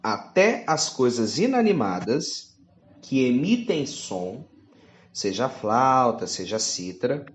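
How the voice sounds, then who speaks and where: A man delivers a teaching sermon with an animated, wide-ranging pitch. He reads scripture aloud and keeps turning to his listeners with pointed rhetorical questions. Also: slow pace, echoey room, a little hiss or hum. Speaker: preacher.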